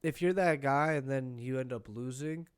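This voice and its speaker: A man's voice: mid-range voice, moderate pace, clean tone. A young man co-hosting a podcast, talking about fights in a laid-back, hedging way. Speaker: podcast co-host. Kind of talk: casual fight chat.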